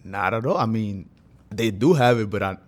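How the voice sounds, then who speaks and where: A man's voice: fairly low pitch, normal speed. A man in his twenties from Honduras, a podcast guest talking casually and loosely with lots of fillers. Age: 20s. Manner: relaxed slangy talk with many fillers. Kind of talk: casual interview chat.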